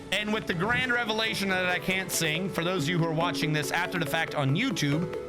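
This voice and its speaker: A young man with a high voice chats casually to his stream chat, rambling and often stopping to correct himself. Music is clearly audible behind him as he talks.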